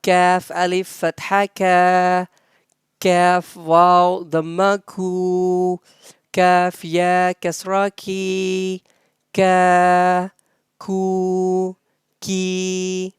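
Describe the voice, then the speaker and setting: A Quran teacher leading a slow recitation lesson, spelling letters and drawing out each long vowel in careful drills. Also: medium pitch, monotone, smooth, no echo, studio quality. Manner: drawn-out, careful drilling of syllables.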